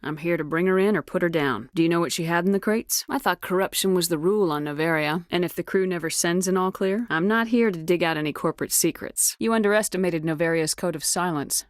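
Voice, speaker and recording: Low-pitched, tough female space commander played by an actress. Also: fast, hardly any pauses, dry recording, clean studio sound, close to an everyday voice. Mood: tough, confrontational. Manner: clipped, assertive, businesslike. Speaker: video game protagonist. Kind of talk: video game dialogue acting.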